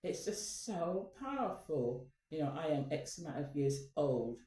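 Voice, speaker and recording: Deep-voiced and a little slow, this female channel host swings widely in pitch, her tone dark as she talks casually to viewers. She rambles with many fillers and restarts, captured on a distant mic in an echoey room.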